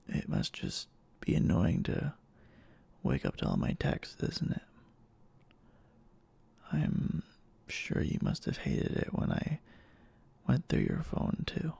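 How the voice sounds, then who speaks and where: A fairly low, mellow, exaggerated male voice performs a clingy boyfriend consumed by obsessive love in an intimate ASMR scene. His delivery is breathy and halting, often close to a whisper, pleading and sprinkled with tender endearments.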